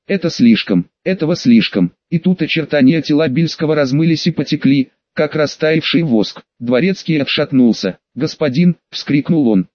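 A man reads a humorous fantasy audiobook in a fairly high voice, lightly shifting his tone for each character. The recording is dry and close, with a slightly dull, muffled sound. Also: warm tone, no echo. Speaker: audiobook narrator. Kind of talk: scripted narration.

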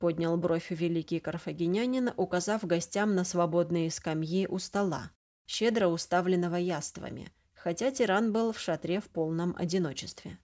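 A woman narrating an adventure novel aloud, reading the characters' lines in a lightly voiced, even manner. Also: fairly low pitch, moderate pace. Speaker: audiobook narrator. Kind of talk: scripted narration.

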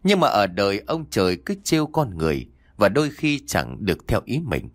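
Male horror storyteller, low and animated, dry studio sound. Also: a little fast, dry recording. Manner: lively, dramatic storytelling. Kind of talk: scripted horror narration.

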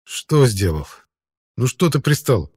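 A man's voice: medium pitch, big pitch swings, slow pace, a little mellow, breathy edge, dry recording, studio quality, heavily acted. A male narrator voicing a smug, sleepy young man with a teasing, drowsy drawl in an audiobook.

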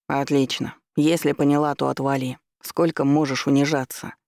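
A man's voice: medium pitch, little pitch movement, normal speed, gravelly, a little mellow, no room sound, studio quality, close to an everyday voice. Man playing a curt, cold young man. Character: blunt, irritated young man, driving.

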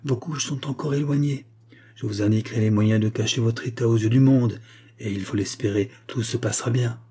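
A man voicing a calm, reassuring older midwife in a novel reading, speaking soothingly. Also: medium pitch, fairly quick, breathy edge.

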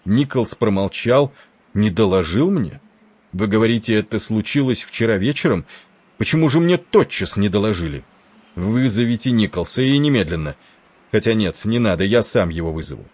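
A man's voice: on the low side, expressive, normal speed, a little mellow, no room sound. A man voicing a stern, curt male ship captain in an audiobook. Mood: angry. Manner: curt and irritable.

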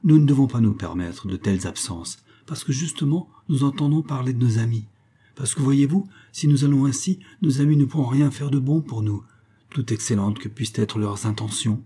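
A man reading aloud and voicing an eager, quick-talking little foundling boy in a storybook. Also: mid-range voice, warm tone, slightly rough, voice pushed up, lightly acted. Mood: coaxing.

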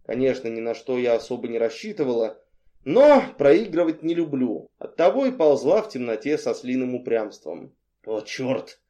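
A man reading an audiobook as a narrator in a dramatic, lively storytelling manner. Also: medium pitch, normal speed. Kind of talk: scripted narration.

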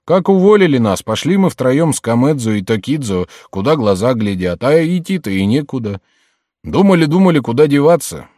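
A man reading aloud and voicing a former servant turned highway robber who plaintively explains himself. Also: mellow, no room sound, clean studio sound, natural voice. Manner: plaintive, rambling, sighing.

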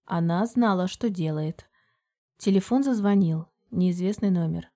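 A woman narrating an audiobook in first person with an even, measured reading. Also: lowish voice.

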